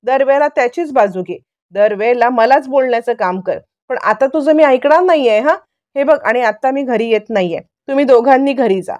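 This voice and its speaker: A feisty young wife who snaps back and won't give in, as a woman reads her. Her voice rides high and a bit sulky. It's a soap-serial retelling. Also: normal speed, a little mellow, muffled recording, natural voice. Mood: defiant. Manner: defiant, sulky.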